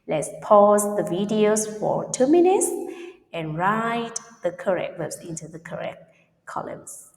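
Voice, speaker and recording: A woman teaching English pronunciation, speaking slowly and carefully and repeating each example word twice. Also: mid-range voice, big pitch swings, a little mellow. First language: Vietnamese. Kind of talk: online pronunciation lesson. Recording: echoey room with long reverb.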